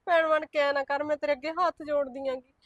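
A woman acting out a widowed mother who begs and swears her innocence. Her voice is high and the words tumble out fast. It sounds close and dry. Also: steady tone, dry recording, muffled recording, natural voice. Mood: tearful. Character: pleading widowed woman with small children, meek. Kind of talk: village short-film drama.

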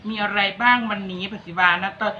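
A woman's voice: medium pitch, a little fast, slight background noise. A woman with an Isan accent hosting a cooking vlog, chatting and teasing while talking straight to her viewers. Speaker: vlog host. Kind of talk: casual cooking vlog chat. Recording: dull lo-fi recording.

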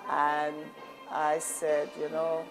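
An older woman, a program founder, speaking earnestly and quickly in an indoor interview. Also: deep voice, completely flat delivery, over music. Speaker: founder and executive director of a youth program. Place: indoor room lined with bookshelves.

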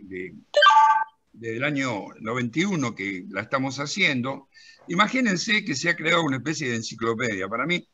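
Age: middle-aged. Sex: man. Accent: Rioplatense Spanish. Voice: bright, lively pitch. Audio: lo-fi video call. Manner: animated, telling an anecdote and directing a helper at the screen. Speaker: presenter of a pension-law software and magazine. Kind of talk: live software demonstration on a video call.

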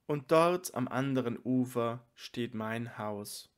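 A man's voice: medium pitch, slow pace, clean tone, close to an everyday voice. A man reading the part of a tearful, devoted male sage overcome with love, in a reverent, slightly raised voice.

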